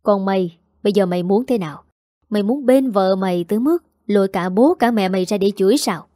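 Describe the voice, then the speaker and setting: A woman's voice: mid-range voice, brisk, no room sound, clean studio sound, natural voice. Woman reading as a stern scolding mother. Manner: sharp, scolding.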